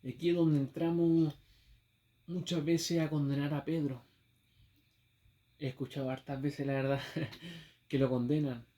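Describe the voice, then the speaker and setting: A man's voice: on the high side, steady tone, a little slow, pauses often, warm tone. A man with a Chilean accent preaching a sermon, telling a story with acted exclamations and rhetorical questions.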